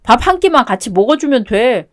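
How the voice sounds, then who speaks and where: A woman's voice: fairly high pitch, very animated, fairly quick. A woman voicing a clingy young husband who begs and whines in a web-toon radio drama reading. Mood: pleading. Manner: whiny, begging.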